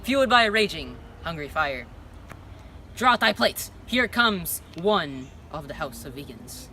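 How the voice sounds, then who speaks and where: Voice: mid-range voice, big pitch swings, normal speed, bright, forceful tone. An amateur performer playing a hot-headed servant spoiling for a fight in a school Shakespeare parody. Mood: eager. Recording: faint background noise.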